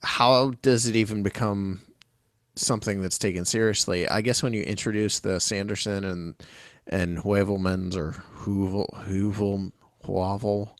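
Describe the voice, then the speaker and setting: A man chats casually on a podcast in a fairly low voice. He sounds skeptical and stumbles over words as he goes. The recording is dry and close. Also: fairly even intonation, unhurried, dry recording. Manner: hesitant, many restarts, skeptical. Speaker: podcast co-host. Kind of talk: casual chat.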